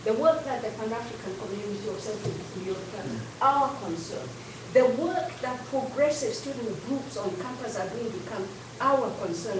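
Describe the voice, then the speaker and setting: Kenyan woman speaking in an echoey hall. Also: a little high. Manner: earnest, emphatic, with frequent fillers and "so forth". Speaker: guest speaker, educator and activist. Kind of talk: public talk to a community audience. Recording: echoey hall, distant mic, background noise.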